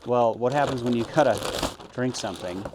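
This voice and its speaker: A man giving a casual, halting unboxing review, correcting himself as he goes. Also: medium pitch. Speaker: product reviewer. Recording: noisy, with crinkling packaging and clicks.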